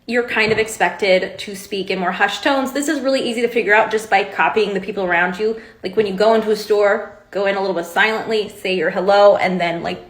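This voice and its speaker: A woman's voice: medium pitch, fairly bright tone, reverberant. A young woman casually explaining to camera, chatty and candid with a lightly sarcastic edge. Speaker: vlogger.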